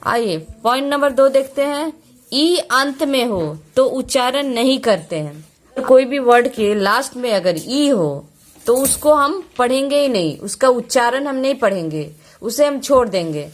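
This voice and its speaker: A woman teacher, patiently explaining pronunciation rules, repeating each point and spelling out letters slowly. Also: sits high, lively intonation. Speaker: English teacher.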